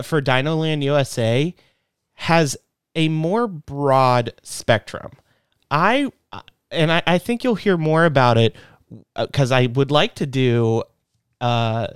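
A man co-hosting a podcast, pitching an idea in casual chat with lots of fillers and restarts. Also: clear, resonant tone, dry recording, clean studio sound. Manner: rambling, many fillers and restarts. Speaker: podcast co-host.

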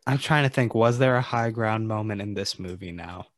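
A man's voice: fairly low pitch, moderate pace, dry recording, studio quality. A man co-hosting a podcast, talking through ideas thoughtfully with some hesitation and stammered starts. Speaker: podcast co-host. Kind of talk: casual movie discussion.

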